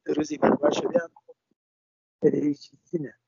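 A young man speaking over a phone line in an interview, talking haltingly with many restarts and fillers. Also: a little high, wildly swooping pitch, creaky, mellow, slight background noise. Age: young adult. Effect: heard over a phone line.

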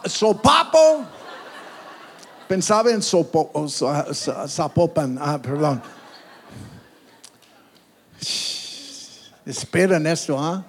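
Male pastor, high voice, unhurried animated sermon, frequent amens. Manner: animated preaching with frequent call-outs of amen; stumbles and restarts words, laughs at own slips.

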